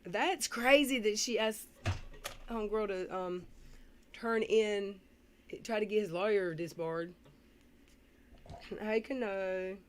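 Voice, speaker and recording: A woman giving casual reaction commentary on a livestream, often clearing her throat and pausing to read comments. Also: medium pitch. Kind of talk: casual reaction commentary, reading live chat. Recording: faintly noisy livestream audio.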